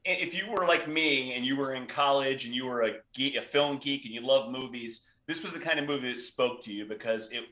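Male podcast guest, forties, rambling and self-deprecating, bright voice, roomy echo. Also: medium pitch. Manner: rambling, enthusiastic, self-deprecating, frequent restarts. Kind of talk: casual podcast chat.

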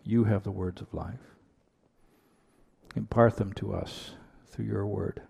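Gravelly man preaching at a pulpit microphone. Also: fairly low pitch, steady tone, takes it slowly, a little mellow. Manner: earnest preaching with repeated rhetorical questions. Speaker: pastor. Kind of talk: sermon with prayer and scripture reading. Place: church.

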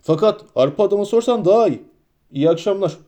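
A man voicing a wary, gruff male gatekeeper in an audiobook, speaking in a curt, guarded way. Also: sits high, expressive, fast, mellow, voice pushed up. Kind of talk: audiobook character voice.

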